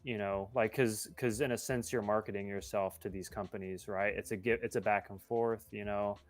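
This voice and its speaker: A man's voice: fairly low pitch, fairly even intonation, moderate pace, faint music behind. A man co-hosting, asking questions in an earnest, thoughtful way with some repeated words. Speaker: co-host. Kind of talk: casual interview questions.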